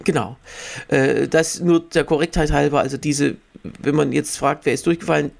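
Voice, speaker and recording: Man, podcast co-host, gravelly, ironic banter. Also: on the high side, fairly even intonation, normal speed. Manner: dry, ironic, laughs between points. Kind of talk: casual chat.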